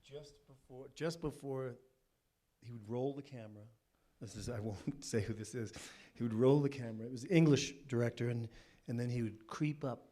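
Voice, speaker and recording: A man's voice: medium pitch, moderate pace, warm tone. Candid man telling set stories. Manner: candid, storytelling, frank. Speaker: panelist. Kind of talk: anecdotal panel talk. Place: cinema cafe panel.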